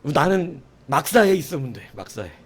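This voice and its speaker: Middle-aged man, pastor, sermon, lively storytelling, slightly high voice. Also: moderate pace, breathy edge. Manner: animated storytelling with sound effects and asides to the congregation.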